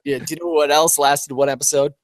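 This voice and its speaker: Man, casual recap co-host, animated delivery with sudden loud bursts, dry close sound. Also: fairly high pitch, fast talker, dry recording. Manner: animated, acts out scenes with sudden loud character bits.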